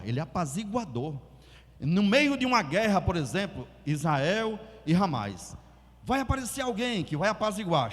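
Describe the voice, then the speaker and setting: A man's voice: high-pitched, big-room sound. A man preaching a sermon as a pastor, talking conversationally, acting out quotes and prompting the congregation to repeat after him. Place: church hall.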